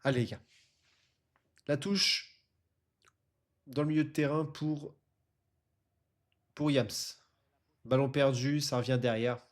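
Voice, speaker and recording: A man's voice: medium pitch, fairly even intonation, slow, pauses often. A man casually presenting and commentating live on an online football tournament as its streamer and host.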